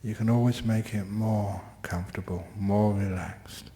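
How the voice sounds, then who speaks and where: A man teaching meditation, giving slow, gentle guided meditation instructions with long, unhurried pauses. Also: on the low side, fairly even intonation.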